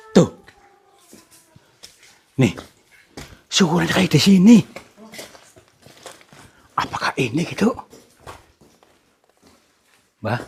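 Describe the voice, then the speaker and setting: A man hosting a ghost-hunting vlog who politely coaxes and soothes unseen spirits, often hushed. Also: high voice, gravelly, a little hiss or hum. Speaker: paranormal explorer host.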